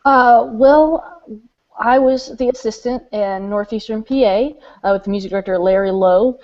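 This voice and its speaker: A woman's voice: on the high side, moderate pace. Chatty woman from Texas on a video call. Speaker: panel guest. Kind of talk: casual conversation. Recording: muffled video call audio.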